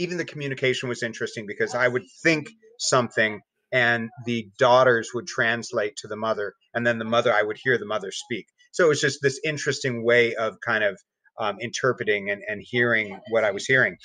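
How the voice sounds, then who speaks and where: A male podcast guest shares a personal account in casual conversation, speaking haltingly with many repeated words and restarts. His voice is medium in pitch with a sharp tone, and the audio quality is poor.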